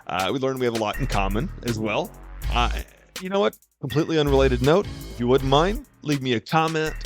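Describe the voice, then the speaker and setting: A man hosting a podcast, giving a chatty, upbeat intro with playful self-deprecating asides. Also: mid-range voice. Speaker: podcast host. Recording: music bed underneath.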